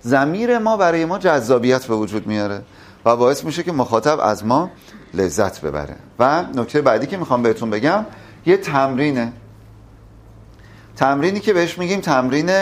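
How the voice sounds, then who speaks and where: A man's voice: medium pitch, animated. A man teaching public speaking at a live workshop, emphatic and addressing the audience directly.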